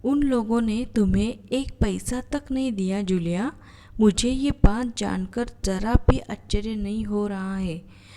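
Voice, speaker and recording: A woman reading aloud the lines of an angry, stern male employer in a slow, mellow voice. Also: fairly high pitch. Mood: calmer.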